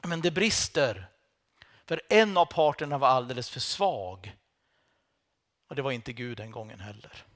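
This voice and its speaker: A man with a medium-pitched voice preaches a sermon, retelling scripture through dramatic storytelling. He swings between loud outbursts and hushed lines, leaving long pauses.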